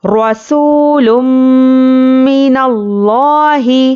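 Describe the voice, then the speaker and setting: Slow, high-voiced woman teaching recitation. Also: darkish tone, lo-fi sound. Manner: spells out letters and vowel marks, then blends them slowly; explains quickly in a conversational teaching tone. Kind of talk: slow syllable-by-syllable spelling drill.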